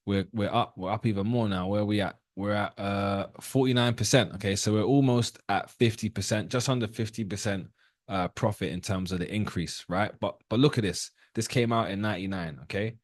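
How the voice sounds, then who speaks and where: A man in his thirties teaches trading on a live call, speaking briskly in a lowish voice. He's casual and direct and often asks his viewers questions, and the sound is studio quality with no echo.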